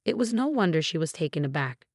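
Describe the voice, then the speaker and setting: Woman, story narrator, lower pitch, dry recording, steady measured delivery. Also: dry recording. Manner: even, measured reading of all characters in one voice. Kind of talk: scripted first-person story narration.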